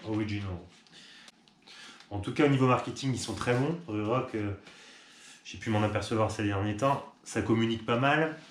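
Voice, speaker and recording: A man's voice: medium pitch, a little fast. A man who runs an online shop, chatting casually and upbeat with fillers as he unboxes a product. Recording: echoey room with clear background noise.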